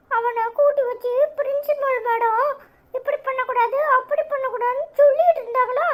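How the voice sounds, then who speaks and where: A squeaky, sky-high cartoon villager with a Tirunelveli Tamil accent. He teases in a giggly, sing-song way. It sounds like a playful animated comedy short. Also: heavy background noise. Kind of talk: cartoon voice acting.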